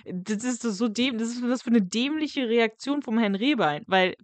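A woman co-hosting a casual podcast, arguing her point in an animated way. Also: a little high, normal speed, dry recording. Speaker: podcast co-host.

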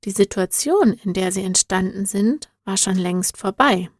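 A woman narrating a children's story in a calm, scripted storytelling style. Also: medium pitch, no echo, clean studio sound. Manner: slow and calm. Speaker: audiobook narrator.

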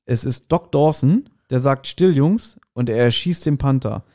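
A man co-hosting a podcast, casually retelling a story's plot in a relaxed chat. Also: medium pitch, moderate pace. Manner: retells the plot with quoted lines. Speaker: podcast co-host.

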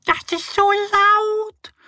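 Storybook mice, tiny and squeaky, grumbling; very high, dry sound. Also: male voice, fairly even intonation, very slow, sharp tone, no echo, exaggerated voice. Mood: complaining. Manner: squeaking, complaining.

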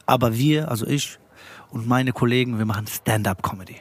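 A man's voice: medium pitch, brisk, husky. A man from Frankfurt, a stand-up comedian, telling jokes and stories in a casual, slangy podcast chat. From Frankfurt, Germany. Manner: animated joking storyteller, slangy street talk.

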